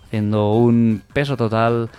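A man's voice: medium pitch, fairly even intonation, measured pace. A man hosting a comedy radio show, reading out jokes and odd news with wry asides. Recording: radio show with music behind.

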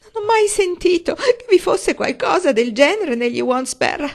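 A woman doing a sobbing, high-pitched distressed mother. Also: lively intonation, moderate pace. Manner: high, tearful, wailing. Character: distraught weepy middle-aged mother.

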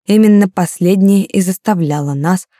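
A woman narrating a first-person fantasy novel in a calm, even storytelling manner. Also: mid-range voice, normal speed, dry recording, clean studio sound. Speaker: audiobook narrator.

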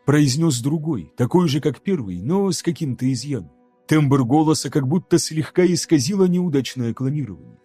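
Чтец-мужчина, мягкий тёмный тембр, размеренное драматичное чтение, тихая музыка фоном. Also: male voice, a little high, animated, mellow, slightly rough, no room sound, faint music behind. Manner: measured, dramatic reading. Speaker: audiobook narrator. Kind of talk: scripted narration.

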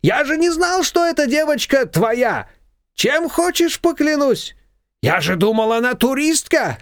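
A man's voice: very high voice, sing-song, a little slow, no echo, studio quality, voice pushed up, exaggerated voice. A man voicing a talkative, boastful old taxi driver who rambles indignantly. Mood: chatty.

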